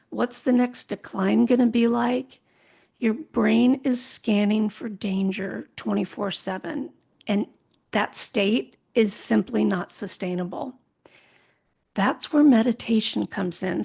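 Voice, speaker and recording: A woman in her sixties hosting a podcast, speaking in an earnest, soft-spoken scripted monologue. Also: a little high, vocal fry, husky. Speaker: podcast host.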